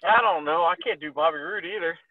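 A man's voice: a little high, fast talker, no room sound. A man chatting casually, swearing easily and hesitating with fillers as he banters. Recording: tinny phone-like line, dry.

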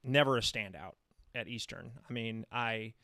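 A man's voice: lowish voice, normal speed, pushed and bright, no room sound, studio quality. An American man in his thirties talking casually and at length, telling anecdotes as an interview guest. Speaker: interview guest, running coach. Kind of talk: casual chat.

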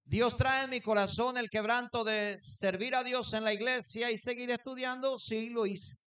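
A man's voice: extremely high pitch, fairly even intonation, moderate pace, pushed and bright, clear, resonant tone. A man preaching a sermon, telling a personal story and acting out the dialogue. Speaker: pastor.

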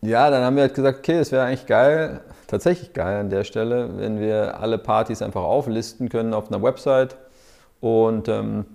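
Berliner in his forties, low gravelly voice, easygoing interview guest. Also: a little fast. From Berlin, Germany. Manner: relaxed, many fillers, laughs while telling stories. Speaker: podcast guest, startup founder. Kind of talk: casual interview storytelling.

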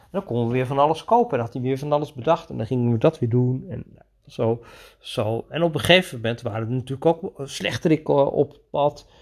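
A man who coaches children in his own practice, telling a podcast story in an enthusiastic, animated way. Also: medium pitch, fast talker. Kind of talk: podcast monologue.

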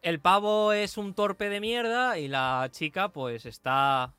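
Bright-voiced man hosting podcast. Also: sits high, slow, clean tone, no room sound, faint music behind. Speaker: podcast host. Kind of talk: casual anime podcast chat.

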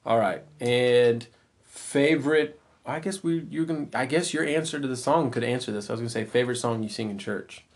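A man hosting a casual church podcast, talking in a relaxed, chatty way with plenty of fillers, and he has a wife and kids. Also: medium pitch, moderate pace. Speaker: podcast host.

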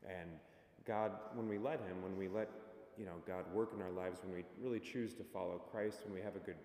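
A man speaking as a priest at Mass, measured, in a big church with cathedral echo. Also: sits low, fairly even intonation, darkish tone. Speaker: priest preaching a homily at Mass. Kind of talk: Gospel reading and sermon. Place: large reverberant church interior. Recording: echoey church hall, long cathedral-like reverb.

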